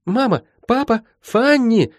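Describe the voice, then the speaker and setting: A man voicing a fierce teenage girl, an older sister and witch, in urgent commanding shouts. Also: medium pitch, huge pitch swings, normal speed, vocal fry, breathy edge, dry recording, clean studio sound, heavily acted. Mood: calling out.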